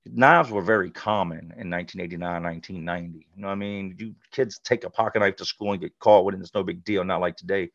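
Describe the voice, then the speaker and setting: A middle-aged man with a very low, gravelly voice tells his own story candidly, in loose everyday speech. He talks plainly and bluntly, pausing on fillers. The recording is dry and dull, slightly lo-fi. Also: steady tone, fairly bright tone, no echo. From North Carolina, USA. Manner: blunt, conversational, frequent "like" and "you know". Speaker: podcast guest.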